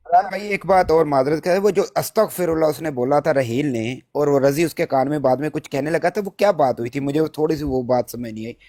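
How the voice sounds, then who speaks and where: A man's voice: a little high, few pauses, darkish tone. A man on a casual panel discussion, asking questions politely and a little hesitantly. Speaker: panel guest.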